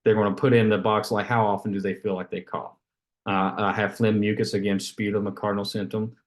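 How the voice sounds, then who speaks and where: A man's voice: lowish voice, flat delivery, a little fast. A man giving an unscripted lecture. He explains with everyday examples and often restarts his sentences. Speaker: respiratory care lecturer.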